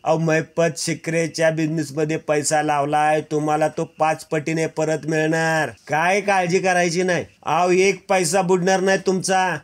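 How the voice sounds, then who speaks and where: A man voicing an angry male businessman who shouts and threatens his staff. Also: on the high side, little pitch movement, normal speed, hardly any pauses, close to an everyday voice. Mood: reassuring. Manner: loud, scolding, threatening.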